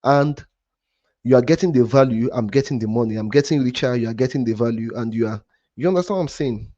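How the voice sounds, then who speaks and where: Brief: male trading streamer, mellow dark tone, dry dull lo-fi sound, rambling and heated. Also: medium pitch, fast, no echo. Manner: heated, swearing rant at a viewer; repetitive, restarts often. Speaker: crypto trading livestream host. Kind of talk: live stream talk to chat.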